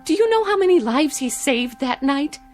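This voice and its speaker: In a 1960s TV drama, an actress plays an indignant young doctor's wife earnestly protesting in her husband's defense. Her high, sing-song voice moves at a moderate pace, and the old TV soundtrack carries faint music.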